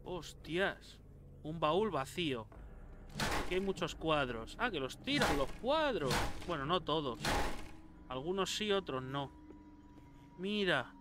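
An excitable man with a Spain Spanish accent gives casual let's-play commentary. His voice sits a little high, and he swears freely while joking at the game. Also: slow, long pauses, background noise. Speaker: gameplay commentator.

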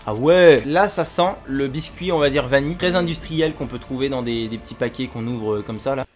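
A young man hosting a casual food-tasting vlog, playful and teasing, with sudden loud whoops. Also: medium pitch, brisk, soft background music. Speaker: YouTuber host.

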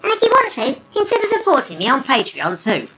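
A woman's voice played back sped up through a small device so it comes out as a high chipmunk squeak, making a cheerful channel plug. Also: wildly swooping pitch, fairly quick, sharp tone, full character voice, low-quality recording. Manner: cheerful channel plug, talking while testing. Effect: sped-up chipmunk pitch shift from device playback. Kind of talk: electronics tutorial narration.

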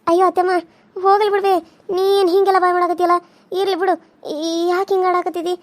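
A young village woman, voiced by a woman in a cartoon serial. She talks in a coaxing, soothing way with a North Karnataka accent, in a very high voice. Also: flat delivery, fast. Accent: North Karnataka Kannada.

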